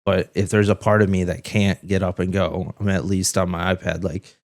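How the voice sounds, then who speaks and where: A man's voice: low voice, flat delivery, moderate pace, dry recording. A man co-hosting a podcast in casual chat, rambling and swearing freely, a bit under the weather. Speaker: podcast co-host.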